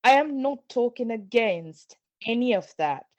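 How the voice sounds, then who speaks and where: A woman's voice: fairly high pitch, expressive, unhurried, no echo. A middle-aged woman from Sri Lanka, a guest on a podcast interview, speaking in a reflective, earnest way and often restarting phrases. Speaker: guest, parenting coach.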